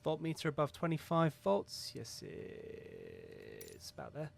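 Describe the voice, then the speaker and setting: This man's mid-range voice is creaky and a bit rough, and it swings hugely in pitch while he talks slowly. He's hosting a flight simulator video, loosely chatting through a pre-flight checklist with the odd swear word and some self-mockery.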